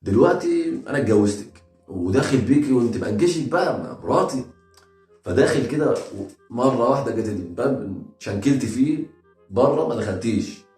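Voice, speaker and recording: A man with an Egyptian accent reacting to video clips with sarcastic, rapid-fire jokes. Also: medium pitch, lively intonation, darkish tone, reverberant, soft background music. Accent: Egyptian Arabic. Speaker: comedy reaction host. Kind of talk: comic reaction commentary.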